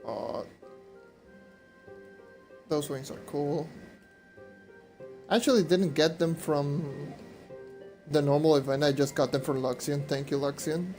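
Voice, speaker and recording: A young man streams a game and talks loosely to his chat, doubling back on his words. His voice sits a bit high and mellow, slightly hoarse. Faint music plays behind him. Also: steady tone, takes it slowly, long pauses. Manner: rambling, repeats himself, talks to chat. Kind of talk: casual live-stream chat while gaming.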